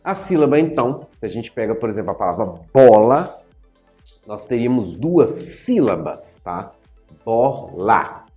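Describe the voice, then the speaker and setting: A male teacher giving an animated writing and grammar lesson at a whiteboard, playfully addressing his students and stretching out key words as he explains. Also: mid-range voice, normal speed, faint music behind. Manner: animated, playfully addresses viewers as "senhores, senhoras e senhoritos". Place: in front of a whiteboard.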